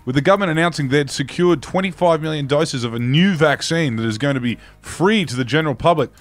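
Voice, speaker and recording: A man with a Queensland accent co-hosting satirical news in a deadpan, colloquial, blokey way. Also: fairly high pitch, fast, soft background music. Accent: Queensland Australian. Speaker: co-host of satirical news show. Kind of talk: deadpan mock-news banter.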